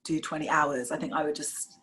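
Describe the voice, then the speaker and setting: A woman's voice: low voice, fairly even intonation, brisk, fairly bright tone. A woman with a London accent, a singer-songwriter guest chatting casually in an interview, laughing easily and saying "like" a lot. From England.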